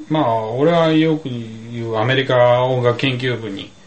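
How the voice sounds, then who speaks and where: A man's voice: medium pitch, fairly even intonation, a little slow, poor audio. A man telling a rambling anecdote in casual chat, full of asides and comic emphasis. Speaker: storyteller.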